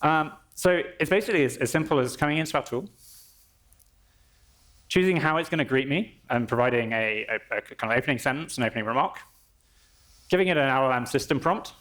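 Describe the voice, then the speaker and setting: A man presents a software demo at a conference. He explains things in a relaxed, conversational way and often doubles back to restart a phrase. His voice sits at an ordinary, mid-range pitch. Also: fairly quick. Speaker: engineer presenting a product demo. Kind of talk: live tech demo presentation. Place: conference stage.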